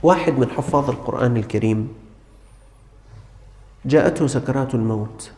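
A man's voice: medium pitch, brisk, a little mellow. A man preaching a sermon, speaking earnestly to the congregation as his brothers and telling stories to make his point. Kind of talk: sermon with storytelling. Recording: long hall reverb.

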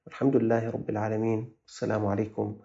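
A man's voice: on the low side, level tone, very fast, creaky, mellow, lo-fi sound. A man with a Levantine Arabic accent, a religious scholar answering listeners' questions with earnest, fatherly advice.

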